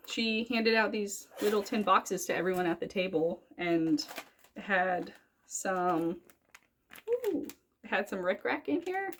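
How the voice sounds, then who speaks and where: A young woman talking casually about her cross-stitch projects, rambling and correcting herself as she goes. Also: mid-range voice. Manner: chatty, rambling, self-correcting. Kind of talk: casual chat.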